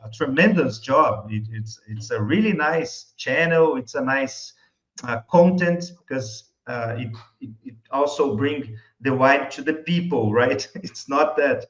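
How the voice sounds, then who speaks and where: A Brazilian man with a mid-range, fairly bright voice speaks English with a Brazilian Portuguese accent, his native language being Portuguese. He's a wine YouTube creator appearing casually as an interview guest, halting and searching for words while chuckling often. The recording is muffled, with echoey room sound.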